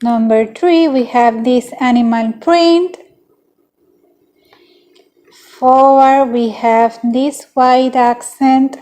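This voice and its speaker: A young woman hosting a beauty channel, calmly listing the items of an unboxing one by one. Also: high voice, very slow, pauses often. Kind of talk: unboxing vlog.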